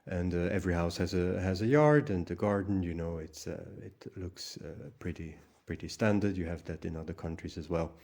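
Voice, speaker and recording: A man's voice: low voice, moderate pace, few pauses, darkish tone. A Hungarian-born man hosting his own channel, talking in a casual, rambling monologue full of fillers and restarts. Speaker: channel host.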